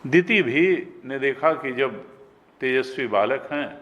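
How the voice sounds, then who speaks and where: Older indian swami w/ north indian hindi accent, tells scripture stories slow, voices the characters, long hall echo. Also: male voice, animated, a bit bright, dull audio. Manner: storytelling, acting out dialogue with rising pitch. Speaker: spiritual teacher.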